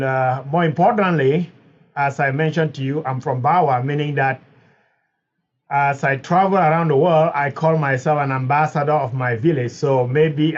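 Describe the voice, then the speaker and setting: A middle-aged man from Cameroon, earnestly telling his story as a podcast guest. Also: mid-range voice. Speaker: podcast guest, biology professor. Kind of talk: interview answers. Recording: dull lo-fi sound.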